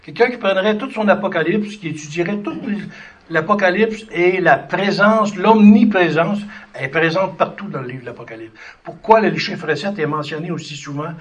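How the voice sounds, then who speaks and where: A man gives a Bible lesson in a relaxed, unscripted way. His voice sits a little high for a man. He pauses on fillers and restarts now and then while he explains the passage. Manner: conversational, with many fillers and restarts, reads scripture aloud. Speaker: preacher teaching a Bible study. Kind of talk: sermon-style Bible teaching.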